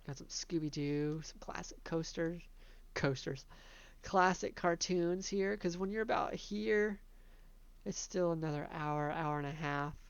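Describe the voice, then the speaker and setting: A woman casually narrating a tour of her own theme park, chatty and relaxed, laughing between remarks. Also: on the low side, unhurried, smooth, no echo, highs cut off.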